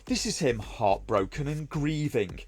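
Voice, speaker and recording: A man's voice: mid-range voice, animated, unhurried, loud music behind the voice. A man delivering a scripted review narration in a mocking, sarcastic manner. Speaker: video reviewer.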